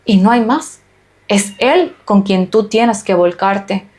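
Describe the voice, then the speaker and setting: A woman's voice: mid-range voice, expressive, slow pace, a little mellow. A woman hosting a spiritual podcast, speaking earnestly and urging listeners with emphatic repeated phrases. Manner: earnest, emphatic, repetitive exhortations. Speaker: podcast host and holistic nutritionist.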